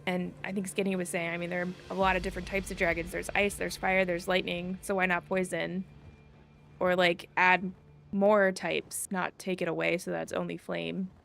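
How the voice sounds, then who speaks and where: Reading viewer comments aloud and responding with a little rambling, this female streamer chats casually during live gameplay. She speaks at a moderate pace in a lowish, fairly bright voice with vocal fry and little pitch movement, over faint game music.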